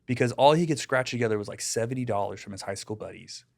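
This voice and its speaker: A middle-aged American man, a deputy and digital safety educator, tells stories casually in an interview. His mid-range voice is gravelly and quick. He's animated, uses lots of fillers, and acts out the people he quotes.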